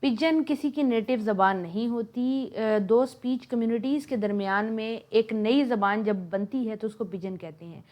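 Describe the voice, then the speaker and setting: A woman's voice: on the high side, unhurried, hardly any pauses, a little mellow. A woman gives a lecture. She explains each term step by step and mixes English words into her speech. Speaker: teacher.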